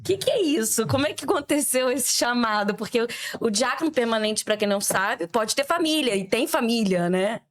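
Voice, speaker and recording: A woman's voice: a little high, brisk. Playful woman host. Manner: lively, playful, asks questions. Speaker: podcast host. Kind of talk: casual conversation.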